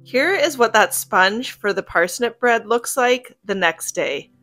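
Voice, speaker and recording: A woman's voice: on the high side, expressive, measured pace. A woman, narrating a cook-with-me homemaking vlog in a cheerful, chatty way and talking straight to viewers. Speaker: homemaking vlogger. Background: soft guitar music.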